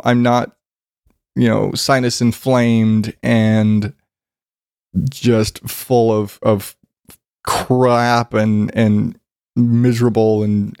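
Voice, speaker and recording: In a studio-quality, dry recording, a congested, medium-pitched man with a darkish tone gripes casually about yard work. The Arizona vlogger swears freely, wanders off topic and mocks himself as he goes.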